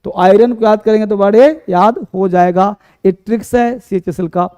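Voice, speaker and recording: A man's voice: high-pitched, fairly even intonation, normal speed, mellow, smooth, no echo, studio quality. A man teaching English spelling for exams, chanting letters over and over and quizzing his students. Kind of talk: exam-prep spelling lesson.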